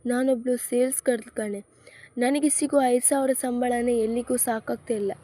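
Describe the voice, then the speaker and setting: A woman's voice: on the high side, steady tone, moderate pace, mellow, close to an everyday voice. A woman voicing a struggling young saleswoman, anxious and tearful. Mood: distressed. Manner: distressed, tearful.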